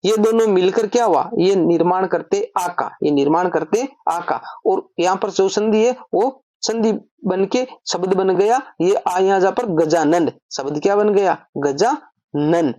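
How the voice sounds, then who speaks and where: A woman's voice: mid-range voice, measured pace, hardly any pauses, warm tone, dry recording. A woman teaching an online grammar lesson, explaining step by step and asking and answering her own questions.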